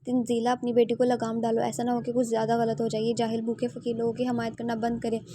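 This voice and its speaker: A woman voicing a grieving middle-aged aunt who shouts bitter, spiteful insults. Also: a little high, completely flat delivery, fast, noisy background, close to an everyday voice. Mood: furious.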